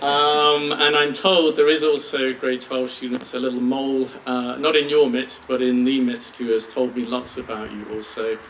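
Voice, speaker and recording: A man's voice: mid-range voice, flat delivery, normal speed, few pauses, a bit bright. Hesitant British man giving a ceremony speech. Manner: self-deprecating, hesitant with many ums and restarts. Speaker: school principal. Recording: distant mic with faint noise.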